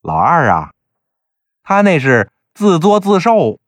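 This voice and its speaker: A man voicing a middle-aged village wife who wails and scolds in drawn-out phrases. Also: fairly high pitch, huge pitch swings, no room sound, heavily acted. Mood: amused.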